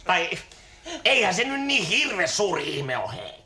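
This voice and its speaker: A man's voice: high voice, big pitch swings, sharp tone, reverberant, exaggerated voice. A man playing a brash, giggly 40-year-old in a TV comedy sketch, talking in Helsinki slang and stammering as he tells his story. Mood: cheeky. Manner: giggly, stammering, keeps tacking on "hei".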